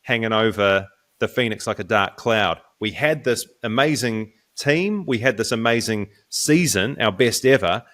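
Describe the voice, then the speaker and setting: Halting New man, low voice. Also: lively intonation, a bit bright. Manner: halting, many restarts. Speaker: podcast co-host. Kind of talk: casual sports chat.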